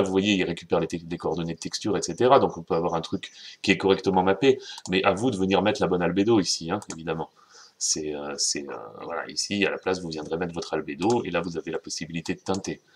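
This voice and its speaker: A man with a French accent giving a casual, chatty software tutorial, talking straight to viewers and correcting himself as he goes. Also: low voice, slightly rough. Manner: informal, chatty, self-correcting, addresses viewers directly. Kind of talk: screen-recorded software tutorial.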